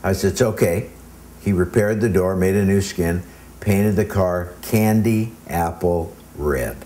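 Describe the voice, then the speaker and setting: Deep-voiced man telling old stories. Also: measured pace, warm tone. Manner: rambling anecdotes with many ums. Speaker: interview guest. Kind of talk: casual storytelling.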